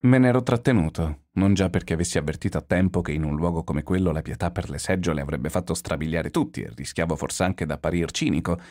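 A man narrating a literary novel in a measured, expressive, introspective reading. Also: deep voice.

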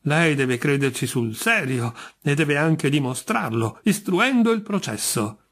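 A man's voice: fairly high pitch, expressive, measured pace, a bit bright, exaggerated voice. Jinx figure, indignant and emphatic, read by a man. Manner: indignant, insistent, sharply emphatic. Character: grim, touchy middle-aged man branded a jinx.

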